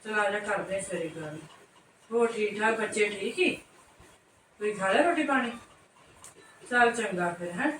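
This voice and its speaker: A woman's voice: mid-range voice, fairly bright tone, lightly acted. A woman playing a nagging older mother-in-law in a comic family skit, with a Punjabi accent, who grumbles and scolds. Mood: complaining. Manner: grumbling, complaining, quick to scold. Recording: roomy, distant, noisy home recording.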